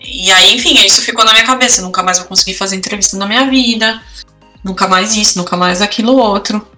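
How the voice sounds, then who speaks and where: A woman's voice: medium pitch, quick pace, bright, forceful tone, far from the mic, soft background music. A woman, co-hosting a podcast, telling personal stories in casual chat with lots of feeling. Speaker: podcast co-host.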